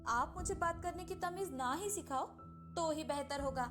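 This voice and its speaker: A woman's voice: high-pitched, normal speed, music in the background, natural voice. A woman voicing a rude, arrogant young wife who mocks her mother-in-law. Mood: insolent. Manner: insolent and mocking.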